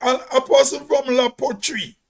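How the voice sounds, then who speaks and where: A man's voice: very high-pitched, fairly even intonation, moderate pace, gravelly, husky. A Grenadian man giving a spoken commentary in an emphatic, preachy way, as if on radio.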